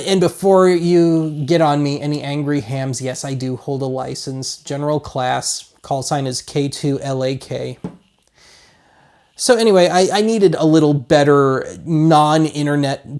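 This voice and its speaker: For his hobby video series, this Colorado man in his thirties with an American accent gives a casual, wry, rambling product review. His mid-range voice carries vocal fry and a darkish tone, staying steady at a measured pace.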